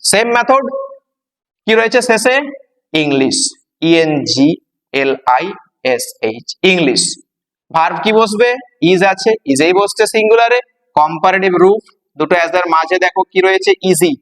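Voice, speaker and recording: High-voiced teacher spelling slowly. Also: male voice, animated, a bit bright, in a large hall, low-quality recording. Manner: spells words out letter by letter, slow and emphatic. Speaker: English grammar teacher. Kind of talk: classroom-style grammar lesson.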